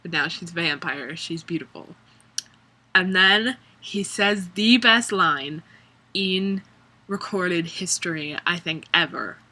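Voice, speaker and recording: Young woman vlogger, unhurried and low, bright sharp tone, sarcastic rambling chat. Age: young adult. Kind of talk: casual vlog chat. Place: college dorm room.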